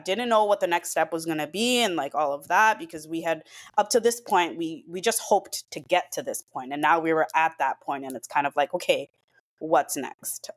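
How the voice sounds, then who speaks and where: A young woman guesting on a podcast tells a personal story earnestly and emotionally, in a low voice at a moderate pace, with lots of filler words.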